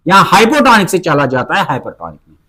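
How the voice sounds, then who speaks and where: Lively male teacher dictating definitions. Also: sits high, fast, slightly rough, rough recording. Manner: repeats terms and asks himself questions, then answers. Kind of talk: board lesson explaining biology.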